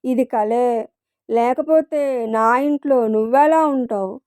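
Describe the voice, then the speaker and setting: A woman's voice: a little high, takes it slowly, darkish tone, clean tone, no echo, clean studio sound. A woman voicing a drunk, brash and rude young man in an audio story, mocking and blunt. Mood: teasing.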